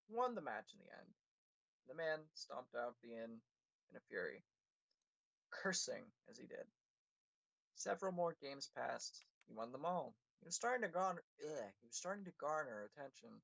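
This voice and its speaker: Brief: a male streamer narrating his own writing, with a gravelly voice and a dry, close sound. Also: medium pitch, sing-song, normal speed, fairly bright tone, no room sound, highs cut off. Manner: casual, with self-corrections and laughs. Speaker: livestream host and writer. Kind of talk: reading his own story aloud.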